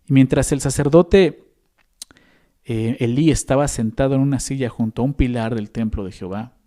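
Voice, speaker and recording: A man's voice: mid-range voice, moderate pace, mellow. A man with a Mexican accent preaching a sermon as a pastor, conversational and often adding tag questions to the listeners. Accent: Mexican Spanish.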